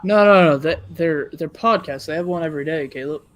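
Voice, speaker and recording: A man's voice: fairly high pitch, fairly quick, no echo. A man chatting casually as a podcast co-host, speaking in slangy, hesitant phrases peppered with "dude". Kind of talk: casual chat.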